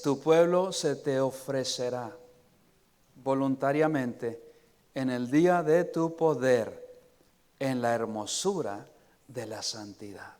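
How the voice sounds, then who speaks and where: Slow-preaching pastor in a reverberant church. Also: male voice, mid-range voice, a little mellow. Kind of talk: sermon. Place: church sanctuary. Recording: long reverb of a church hall.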